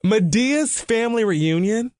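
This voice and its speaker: A man's voice: high voice, unhurried, dry recording, studio quality. A man in casual chat, ranting comically and acting out what others said. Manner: animated comic ranting, acts out quotes.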